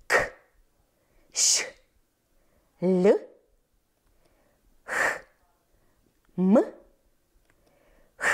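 A Hungarian woman from Transylvania teaching first graders to read, sounding out syllables and letters slowly and clearly. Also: mid-range voice, warm tone. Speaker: primary school teacher.

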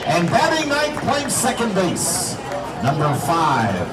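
A man announcing player introductions over a stadium public address system, projecting in a deliberate way and drawing out names. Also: sits high, huge pitch swings. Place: outdoor baseball stadium, heard over loudspeakers. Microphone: announcer's PA captured from the stands. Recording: distant echoey stadium PA, crowd, loud music. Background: crowd and loud music.

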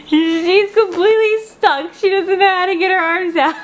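A woman's voice: very high-pitched, a little hiss or hum. A young woman vlogging casually at home, giggling often and talking sweetly to her baby daughter. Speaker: vlogger, mother. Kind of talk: casual family vlog chat.

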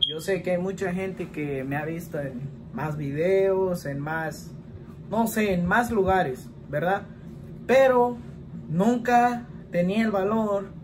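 He's a man in his twenties, and his voice sits high against a noisy background. Speaking with a Mexican Spanish accent, he fields questions in a rambling, casual home vlog, often tacking on "¿verdad?". The setting is a small indoor room with a plain wall.

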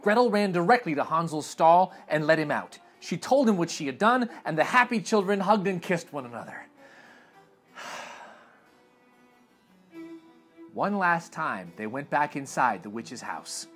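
Reading to children from a sofa-furnished living room, the young man sounds a little high and keeps a measured pace broken by long pauses. Faint music sits behind his animated, expressive storybook narration, which swings dramatically in tone.

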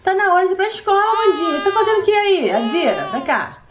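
A woman's voice: extremely high pitch, big pitch swings, quick pace, noisy background, pitched above the performer's own voice. A woman voicing a patient mother in a doll play story, coaxing and soothing, often saying the child's name.

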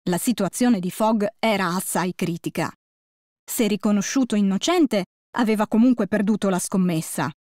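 A woman narrating a musical tale for concert band in a clear, measured storytelling voice. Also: mid-range voice, darkish tone, no room sound, studio quality. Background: faint concert band music.

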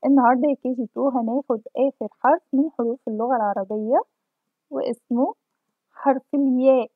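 Egyptian lady teaching kindergarten letters, high voice, draws the sounds out slow, kinda dull dry audio. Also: steady tone, no echo. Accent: Egyptian Arabic. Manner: slow drawn-out model pronunciation for children. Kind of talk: children's alphabet lesson.

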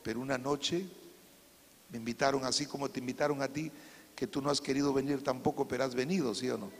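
A Peruvian pastor giving an emotional sermon testimony to teenagers, sinking to a hush and rising to shouts. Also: male voice, medium pitch, steady tone, quick pace, slight background noise. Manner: emotional preaching, swings from hushed to shouting. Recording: reverberant hall with faint music. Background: faint instrumental music.

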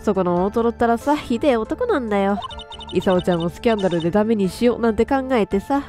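A woman voicing a pushy, gossiping middle-aged woman who talks brashly and roughly. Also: mid-range voice, lively intonation, fast talker, mellow, soft background music, close to an everyday voice. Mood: indignant.

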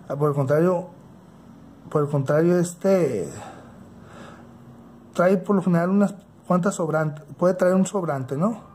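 A man with a Mexican accent narrating a casual hands-on toy unboxing, unhurried and halting as he thinks aloud. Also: sits high, darkish tone, slightly rough. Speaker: toy unboxing channel host. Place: indoors at a tabletop.

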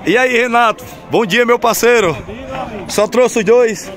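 A loud crowd murmurs outdoors as a man with a Northeastern Brazilian accent strolls through a cattle market, interviewing sellers and chatting cheerfully with viewers for his vlog. He speaks in a fairly high, unhurried voice, with faint music behind him.

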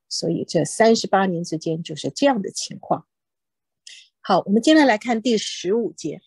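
A woman teaching a Bible lesson in Mandarin, slowly repeating and spelling out English words and often adding "OK". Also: mid-range voice, slightly rough, no echo.

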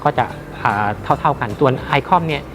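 A man giving an informal product demonstration as a seller, haltingly, with many repeats and hesitations. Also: medium pitch, music in the background, low-quality recording. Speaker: radio equipment seller.

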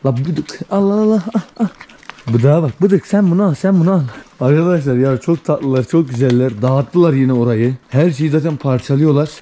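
A man doing casual vlog commentary, talking excitedly to puppies as he feeds them. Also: on the high side, normal speed. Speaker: vlogger.

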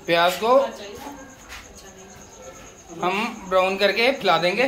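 A man hosting a cooking channel, calmly explaining each step of a big-pot recipe as he works in an outdoor courtyard. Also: high voice, takes it slowly. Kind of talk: cooking demonstration narration. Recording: noisy outdoor recording.

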